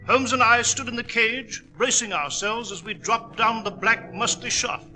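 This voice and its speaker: An actor playing an anxious, blustering middle-aged English doctor with a British accent and a halting, flustered delivery in 1940s radio style. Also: male voice, very high voice, sharp tone, soft background music, heavily acted, poor audio. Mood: grave recounting. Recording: vintage 1940s radio recording.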